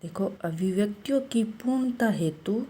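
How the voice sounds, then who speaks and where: A woman giving a classroom-style grammar lesson, explaining step by step and slowing down to read out example sentences. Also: mid-range voice, animated, dark tone, slightly rough. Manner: explains step by step, often saying "look". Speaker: teacher.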